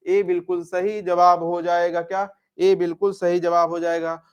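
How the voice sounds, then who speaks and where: The recording is muffled, but the man's high-pitched voice comes across clear, resonant, and a little mellow, with flat delivery at normal speed. He's a Hindi grammar teacher working through exam questions, repeating each answer, asking "क्या?" and answering himself, and calling students affectionate nicknames.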